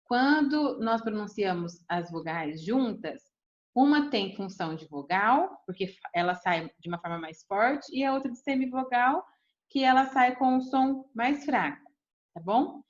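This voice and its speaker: Woman teacher, lively, patient. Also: on the high side, unhurried. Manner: patient, explains step by step to children; checks in with "tá bom?" and "ó". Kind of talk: recorded remote lesson. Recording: dull lo-fi recording.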